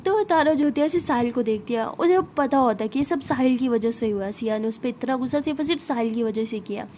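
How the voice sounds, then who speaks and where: A woman's voice: a little high, fast, warm tone, slight background noise. A woman telling a love story in a casual, chatty storytelling style. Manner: chatty, retelling with "so she says".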